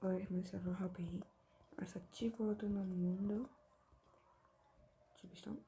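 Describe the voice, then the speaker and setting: A woman hosting a gaming channel, giving casual gameplay commentary in soft, mostly whispered speech on a tablet mic. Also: mid-range voice, level tone, normal speed, slight background noise.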